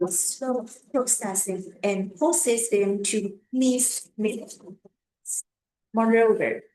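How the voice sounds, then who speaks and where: A woman giving a lecture on language teaching, speaking haltingly and repeating words as she goes. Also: a little high, a little mellow, echoey room, a little hiss or hum, low-quality recording.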